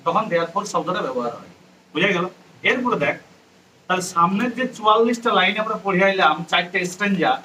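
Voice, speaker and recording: A man's voice: high-pitched, sharp tone. A man, teaching a poem to a class, repeating points and spelling words letter by letter to his students. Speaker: English teacher. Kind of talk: classroom lecture explaining a poem. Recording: distant mic with faint ambient noise.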